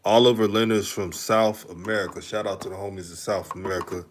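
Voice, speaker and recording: A man hosts a casual live stream from Houston, Texas, going through the chat, talking loosely, and often laughing, with a slight Texan accent. He speaks fairly quickly in a low-pitched voice with fairly even intonation.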